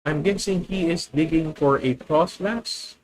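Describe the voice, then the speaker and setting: A Filipino man streams a card game and thinks out loud while chatting with his viewers, in live commentary from the Philippines. His voice sits a little high and moves at a measured pace, and the recording is rough.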